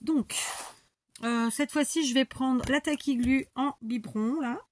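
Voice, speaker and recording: Crafting her way through a scrapbooking tutorial, this middle-aged woman speaks in a high-pitched voice at a measured pace, with a faint hiss or hum present. Her talk is rambling and chatty, often addressed to herself, and she's stuffed up as if she needs to blow her nose.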